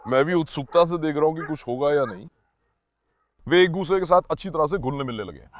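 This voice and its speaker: A man filming his dogs, talking to viewers and calling and calming the dogs. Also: a little high, fast. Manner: talks to viewers and calms his dogs in turns. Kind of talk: casual commentary to viewers.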